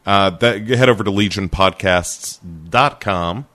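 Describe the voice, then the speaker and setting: A man's voice: fairly low pitch, measured pace, fairly bright tone, no echo. A man hosting a podcast, chatting casually and joking, with many fillers. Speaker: podcast host. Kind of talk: casual chat.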